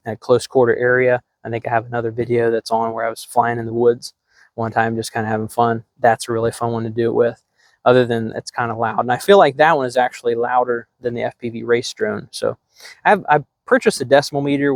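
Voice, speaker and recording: A man's voice: medium pitch, dry recording. A middle-aged man hosting a drone hobby channel, talking casually to camera with lots of ums and restarts. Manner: relaxed, rambling, many ums and restarts. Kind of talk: casual product talk to camera.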